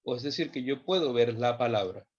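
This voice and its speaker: A man teaching a theology class, speaking slowly and with emphasis, repeating phrases as he thinks them through. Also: mid-range voice, lively intonation, a little mellow, husky, dull audio. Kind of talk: lecture. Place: online class session.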